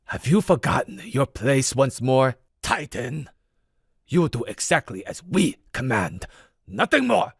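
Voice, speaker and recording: A man's voice: medium pitch, very animated, unhurried, creaky, breathy edge, dry recording, studio quality, heavily acted. A man voicing a tyrannical male world leader who speaks in a harsh, commanding way. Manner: harsh, commanding, heavy accent.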